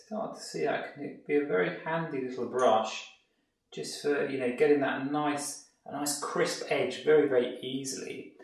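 A man gives a relaxed painting tutorial, thinking aloud as he works. His voice has a gravelly edge. The room rings with strong echo, and he sounds set back from the mic. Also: medium pitch, normal speed, distant mic. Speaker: art tutor.

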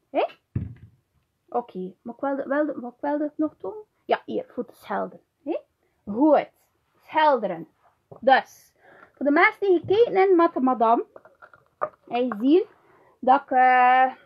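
A chatty Flemish woman teaches a pottery class in a high, bright-toned voice. She talks loosely and keeps checking in with a quick "hè" after almost every phrase. The sound is a bit dull and lo-fi. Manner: chatty, tags nearly every sentence with "hè". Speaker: ceramics teacher. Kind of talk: hands-on pottery tutorial.

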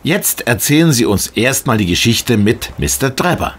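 Inspector Lestrade, animated, formal police inspector. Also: male voice, mid-range voice, husky. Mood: businesslike. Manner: formal, brisk questioning. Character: official, self-satisfied male Scotland Yard police inspector. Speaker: actor in an audio drama. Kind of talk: German radio play dialogue.

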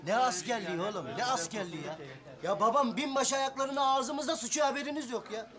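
A man's voice: very high-pitched, a little fast, crowd noise. An actor playing a young army conscript who grumbles and jokes with his fellow recruits. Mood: grumbling. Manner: grumbling, joking banter. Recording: film soundtrack with music. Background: music score.

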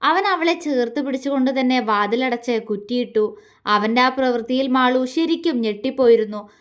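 A woman tells a romance story in a soft, steady narrating voice. Her pitch sits a little above the usual for a woman. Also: normal speed.

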